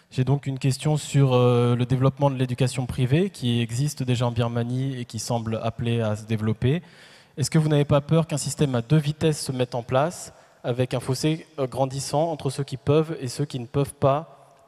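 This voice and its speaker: A man's voice: medium pitch, warm tone. A man in the audience asks a formal question from the floor, polite and fluent with brief hesitations. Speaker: audience member asking a question. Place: large university hall. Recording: long reverb of a large lecture hall.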